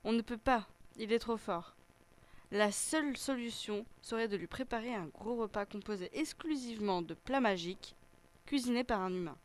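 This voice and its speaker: A woman's voice: on the high side, normal speed, close to an everyday voice. Woman doing a small prim fairy. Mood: calm, firm. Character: small gentle female fairy, calm, scolding.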